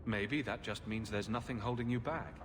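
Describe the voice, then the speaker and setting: An actor playing a confident, wry champion in a video game, direct and a little flippant. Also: male voice, fairly low pitch, normal speed, natural voice. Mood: earnest. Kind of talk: video game cutscene dialogue. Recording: clear background noise.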